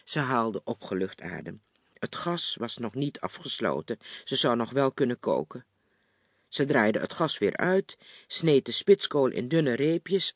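Calm male audiobook narrator, dry sound. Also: mid-range voice, no room sound. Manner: calm, measured reading.

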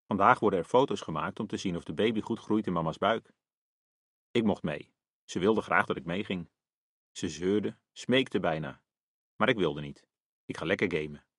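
A deep-voiced man narrating a first-person storybook in a wry, deadpan way. The recording is dry and close-miked. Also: husky, dry recording.

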